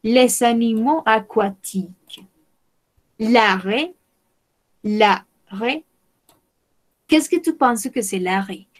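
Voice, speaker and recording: A woman whose first language is Spanish, teaching a French lesson, saying each word slowly and repeating it. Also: a little high.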